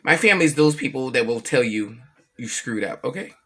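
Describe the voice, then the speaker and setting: Bright-voiced woman telling a lively story. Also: extremely low pitch, a little fast. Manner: animated, profane, acts out what others said; emphatic, repeats herself for effect. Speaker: vlogger. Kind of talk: casual storytelling vlog.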